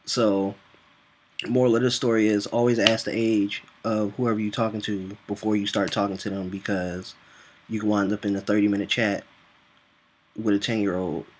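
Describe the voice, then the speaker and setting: A man's voice: lowish voice, moderate pace, slight background noise. A young man telling a casual, profane story from his customer-service job and acting out both sides of the dialogue. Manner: animated, profane, acts out dialogue in voices. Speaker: vlogger telling a work story.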